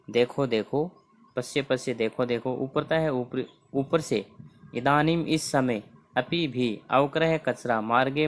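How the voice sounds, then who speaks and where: A man teaching a textbook lesson, reading each line and then explaining it word by word, often repeating phrases. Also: medium pitch. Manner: reads lines then explains them word by word.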